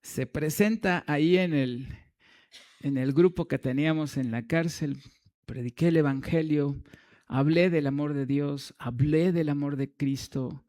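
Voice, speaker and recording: Male preacher, mellow tone, storytelling sermon with jokes and asides. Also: fairly high pitch. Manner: storytelling with humor and asides to the congregation. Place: church.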